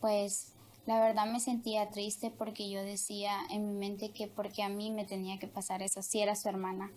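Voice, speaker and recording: A woman's voice: medium pitch, little pitch movement, normal speed, a little mellow, slight background noise. A young woman from Honduras, a guest telling her life story in an interview, speaking hesitantly with many fillers. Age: young adult. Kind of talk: testimony interview.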